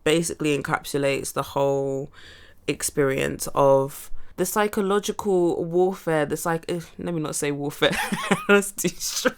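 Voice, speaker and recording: A young singer-songwriter from London, her voice low, smooth and unhurried, chats casually to camera about her new song. She has a cold and sniffles as she rambles, chatting away and laughing at herself.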